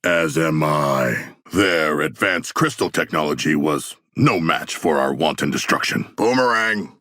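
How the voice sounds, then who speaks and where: An actor playing a huge, noble and bloodthirsty shark warrior in a video game, deep and gravelly, with formal, grandiose diction. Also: male voice, animated, a little slow, sharp tone, no room sound, studio quality, full character voice. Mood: resolute, formal.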